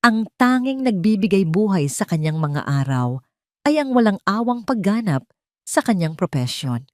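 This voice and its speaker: Very animated at a normal speed, a woman with a Filipino accent narrates a scripted romantic audio drama solemnly and melodramatically. The storyteller's medium-pitched voice has a darkish tone, recorded dry and clean in a studio.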